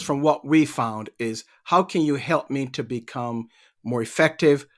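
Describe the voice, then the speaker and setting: A middle-aged man from Barbados, a leadership trainer answering interview questions in an easygoing way and often repeating words while he thinks. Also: mid-range voice.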